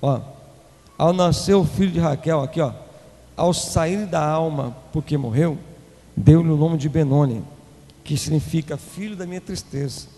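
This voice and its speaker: A man with a Brazilian Portuguese accent preaching a sermon as an apostle, swinging between loud declaiming and quick low asides to the congregation. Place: church hall. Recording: long hall reverb, faint room noise.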